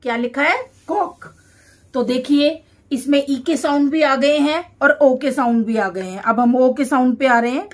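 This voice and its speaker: A woman teacher, reading English words one by one for a dictation lesson and repeating each one clearly. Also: high voice. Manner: reads each word slowly and repeats it.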